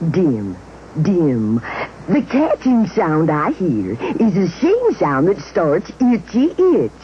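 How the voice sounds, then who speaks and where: A woman's voice: lowish voice, wildly swooping pitch, slow, full character voice. A woman playing a nervous, dithering female dancing dragon in a theatrical children's puppet show. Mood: flustered. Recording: dull, hissy old TV soundtrack.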